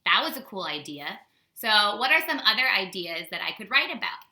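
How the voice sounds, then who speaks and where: An American woman teaches young children in a very bright, forward voice at medium pitch and normal speed. Her casual storytime lesson is animated and simply worded, with questions to the listener. She's indoors at home, and the reflective room makes the recording echoey.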